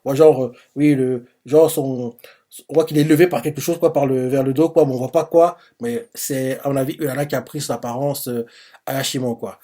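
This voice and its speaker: A man's voice: mid-range voice, steady tone, a little fast, mellow. Rambling male manga reaction streamer. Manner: rambling, heavy use of fillers. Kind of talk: live reading and reaction to a manga chapter.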